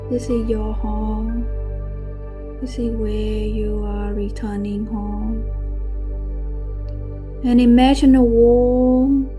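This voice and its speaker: A woman who speaks as a leads a soothing guided meditation in soft, measured phrases with pauses. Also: fairly high pitch, level tone. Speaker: host guiding a meditation. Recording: New-age music behind. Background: soft New-age music.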